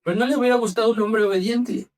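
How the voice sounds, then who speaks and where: In church, a male pastor delivers a sermon in a soft manner, shifting between brisk and slow. He quizzes the congregation and has them repeat phrases back. His voice is high with fairly even intonation, picked up by a distant mic.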